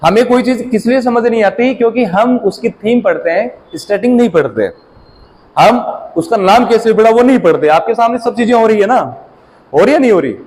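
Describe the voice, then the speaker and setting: A man's voice: high voice, expressive, brisk, darkish tone, low-quality recording. A man teaching a competition exam class, quizzing students and having them repeat key terms back to him. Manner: quizzes the class with repeated call-and-response prompts. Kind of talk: classroom lecture.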